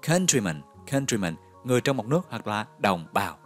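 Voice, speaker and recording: A man's voice: on the low side, brisk, soft background music. A man teaching English vocabulary, telling little memory stories and checking in with questions. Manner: lively, storytelling, coaxing with questions.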